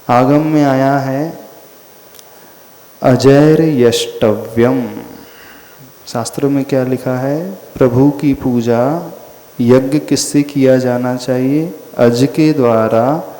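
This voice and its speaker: A man gives a measured devotional discourse, speaking slowly and often turning to his listeners with questions. His voice is mellow and unhurried. It rings out in a large hall with a long echo. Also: mid-range voice. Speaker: Jain monk teaching. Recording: echoey hall.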